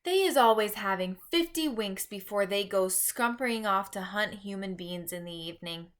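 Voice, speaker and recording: A woman reads the part of a gentle giant from a children's storybook. The voice is bright and emphatic. He explains things earnestly in folksy, muddled grammar and invented words, easily exasperated. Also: medium pitch, animated, moderate pace, natural voice. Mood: earnest lecturing. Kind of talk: read-aloud children's storybook.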